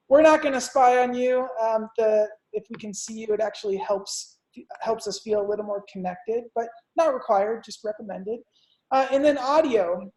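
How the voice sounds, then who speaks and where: A man hosting a monthly video call, talking casually in a relaxed, rambling way with lots of fillers. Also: extremely high pitch, reverberant, low-quality recording. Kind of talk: casual welcoming introduction.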